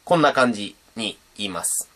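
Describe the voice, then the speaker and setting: Animated young man. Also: on the low side, moderate pace. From Japan. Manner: chatty and animated, demonstrating sounds. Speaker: beatbox teacher and channel host. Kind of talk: casual video lesson.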